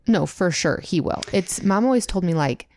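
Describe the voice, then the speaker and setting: A woman's voice: lowish voice, expressive, moderate pace, a little mellow, dry recording, studio quality. A woman in her thirties co-hosting a podcast in casual chat, chatty and peppered with "like". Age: 30s. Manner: chatty, lots of "like". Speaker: podcast co-host.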